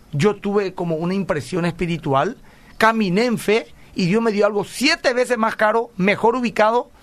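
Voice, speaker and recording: A man's voice: high-pitched, fairly bright tone. A middle-aged man, a pastor hosting a radio call-in program, telling stories earnestly and often asking "¿verdad?". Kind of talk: radio call-in talk, answering listener messages.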